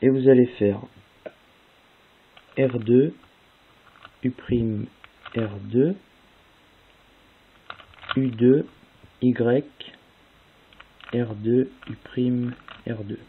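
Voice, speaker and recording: A man's voice: mid-range voice, steady tone, extremely slow, long pauses. A young man casually explaining a puzzle-solving method step by step, with fillers along the way. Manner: casual, spells out move sequences step by step with fillers. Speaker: speedcubing tutorial host. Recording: tinny lo-fi phone-like audio with faint hiss.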